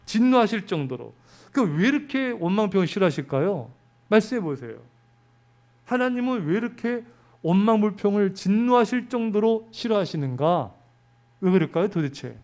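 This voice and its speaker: With a high-sitting, darkish voice, a man serving as pastor preaches in a church sanctuary. He engages the congregation directly, asking them questions as he goes.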